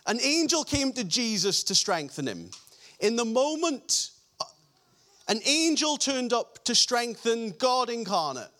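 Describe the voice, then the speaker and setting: This man's sermon features big swings in pitch. He reads scripture in a softer, lower voice and slows down on key lines for emphasis.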